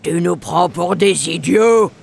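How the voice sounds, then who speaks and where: A woman reading a children's storybook aloud with an expressive, animated delivery. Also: lowish voice, slow, vocal fry, breathy edge.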